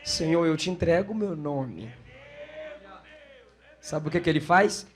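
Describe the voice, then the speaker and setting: A man preaching a live sermon with a Brazilian Portuguese accent, telling stories with animated delivery. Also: on the high side, a little slow. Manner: animated storytelling, acting out voices. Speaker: pastor.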